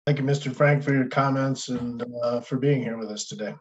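A man runs a virtual public hearing, calling on speakers in a polite, procedural way. His voice is mid-pitched. The call audio sounds dull and muffled. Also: fairly even intonation, fairly quick. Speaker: hearing officer. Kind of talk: procedural meeting moderation. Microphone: video call.

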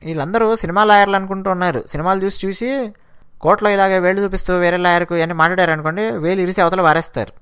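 A man's voice: sits high, steady tone, quick pace, a bit bright, smooth. Man giving an opinionated show recap. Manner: opinionated, talks straight to viewers. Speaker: show reviewer. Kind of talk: casual recap and commentary.

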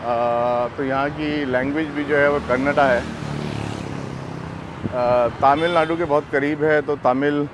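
A man's voice: fairly high pitch, steady tone. Middle-aged man vlogging on a busy street. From Pakistan. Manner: unhurried, chatty, many fillers. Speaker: travel vlogger. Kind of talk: casual walking vlog narration. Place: busy city street outdoors. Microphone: clip-on lapel mic. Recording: outdoor street noise. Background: street traffic.

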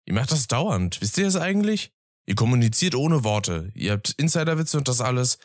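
A man's voice: medium pitch, very animated, normal speed, dry recording, clean studio sound, natural voice. A man voicing a joking, teasing young wizard in a fan audio drama. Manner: teasing, laughing, sulky.

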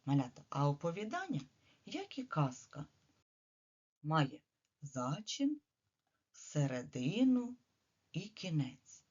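A kindergarten teacher reads a story to small children with an expressive, lively voice that has a husky edge. She coaxes the little ones with gentle questions. The recording is dull and lo-fi. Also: low-pitched, slow pace, long pauses.

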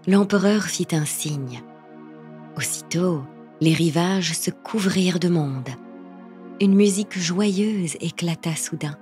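A woman narrating a literary tale in a slow, hushed, tender reading. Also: lowish voice, soft background music.

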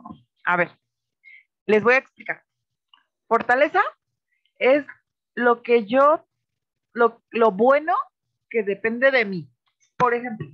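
A Mexican-accented woman teaches over a video call, explaining each point patiently and checking in with her students. Her voice sits at a middle pitch. The sound is dry and somewhat dull. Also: no echo. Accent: Mexican Spanish. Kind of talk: online class feedback lecture.

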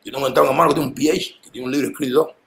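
Cuban man, rapid animated conversational delivery, emphatic, medium pitch, echoey room. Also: creaky. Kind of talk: casual conversation.

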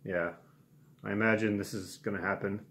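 A man's voice: lowish voice, fairly even intonation, normal speed, fairly bright tone. A man in his twenties chatting casually to camera in a laid-back, understated way, recorded at home. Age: 20s. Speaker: challenge video host. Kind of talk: casual vlog chat to camera. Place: small home room indoors.

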